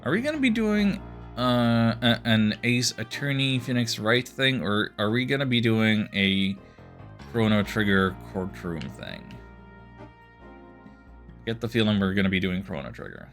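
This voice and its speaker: Brief: male streamer, casual wry commentary, lowish voice, faint game music behind. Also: unhurried, fairly bright tone. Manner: chatty, wry asides.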